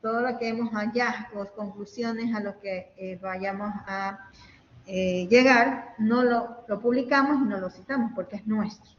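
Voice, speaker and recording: A woman's voice: mid-range voice, a little slow. A woman lecturer giving an online class, explaining step by step and checking in with her students, her voice carrying a hall-like echo. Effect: echoing, hall-like reverb. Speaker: university lecturer. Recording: echoey, dull audio with faint hiss.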